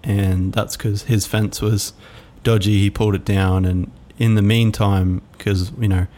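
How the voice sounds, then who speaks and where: A man hosting a reflective solo podcast, musing aloud in a halting way with many fillers. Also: lowish voice, little pitch movement, dark tone. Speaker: podcast host.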